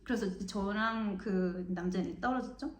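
A woman's voice: medium pitch, moderate pace, slight background noise. A young woman from Mokpo, South Korea, telling a story in a casual vlog and acting out the people she quotes. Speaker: vlogger. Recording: echoey room.

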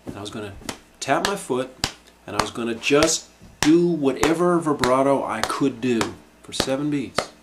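Calm man teaching harmonica. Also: mid-range voice, moderate pace, hardly any pauses, heavy background noise. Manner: calm, reflective explanations with frequent restarts. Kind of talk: instructional video lesson.

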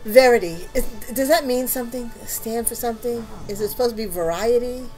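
A woman's voice: a little high, brisk, warm tone, faint music behind. A woman hosting a let's play, joking, laughing and cussing in casual chat as she plays. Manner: joking, laughs a lot, cusses.

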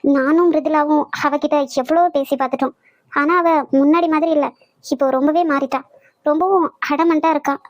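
A woman's voice: sits high, steady tone, a little fast, no echo, natural voice. A woman voicing a spirited young woman in a cartoon, with a Kanyakumari Tamil accent. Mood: lively. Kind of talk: cartoon voice acting.

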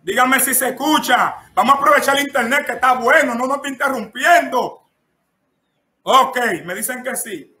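A man's voice: extremely high pitch, moderate pace, pushed and bright. A man with a Dominican Spanish accent, a preacher teaching church etiquette in an emphatic, instructive way and dotting his phrases with amens. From Dominican Republic. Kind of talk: instructive preaching to a live-streamed audience. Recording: echoey room.

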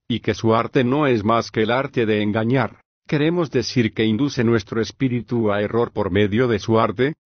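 A man's voice: mid-range voice, no echo, muffled recording. A man narrating a philosophical dialogue as an audiobook, reading evenly and naming each speaker and punctuation mark aloud. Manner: even, measured, reads speaker names and punctuation aloud.

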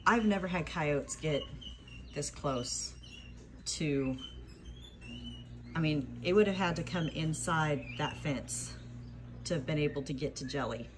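This woman sits behind a phone camera at home, giving casual off-camera narration about her chicks for her small farm vlog, with many ums and restarts in her plain, chatty talk. Her voice is low and a little slow, she pauses often, and there's background noise.

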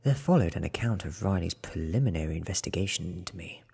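A man reading a story aloud for ASMR speaks very deep and hushed, his extremely breathy voice often nearly a whisper over a crackling fry. The animated reading proceeds phrase by phrase, slow and deliberate, in a soft-spoken audiobook style.

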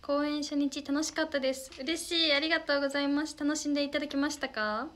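A woman's voice: high-pitched, steady tone, fast, fairly bright tone, slight background noise. A young woman hosting a casual livestream, reading viewer comments aloud in a bubbly, polite way and thanking them often. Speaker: idol livestream host.

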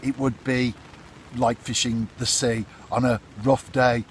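A man's voice: medium pitch, flat delivery, slow pace. Chatty middle-aged man under a fishing umbrella. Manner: chatty, repeats points, asks "isn't it?". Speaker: fishing vlogger. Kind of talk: casual to-camera advice. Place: outdoors under a fishing umbrella by a pool in a storm. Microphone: phone or camera close up. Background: storm wind and rain.

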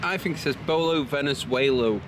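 Speaking briskly in a mid-range voice, a British man in his thirties chats informally for a travel vlog. He's outdoors in a city park, and the location recording is noisy.

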